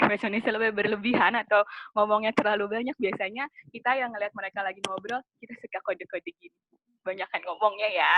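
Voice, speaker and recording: A woman presenting a casual webinar lesson, chatty, asking the audience questions and laughing at her own jokes, on a computer mic. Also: a little high. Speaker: webinar presenter on Japanese culture. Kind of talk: casual lecture with slides. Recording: dry, slightly dull webinar audio.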